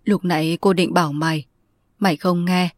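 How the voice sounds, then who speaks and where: A woman's voice: on the low side, steady tone, normal speed, no echo, lightly acted. A woman voicing an anxious, tearful aunt who pleads with her nephew in a storybook reading. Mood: pleading.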